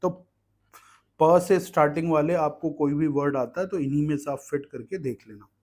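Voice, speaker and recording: A man's voice: a little high, moderate pace, darkish tone. A man teaching an exam-prep grammar lesson, explaining patiently and checking in with the class again and again. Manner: explains patiently, asks "ठीक है" often.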